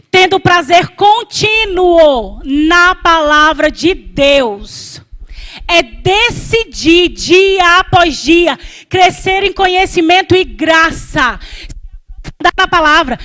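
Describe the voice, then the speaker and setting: A Brazilian woman preaching with a strikingly high, light voice. She addresses the congregation directly and builds her points through rhythmic, repeated refrains. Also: a bit bright. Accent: Brazilian Portuguese. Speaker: evangelist preacher. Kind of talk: sermon.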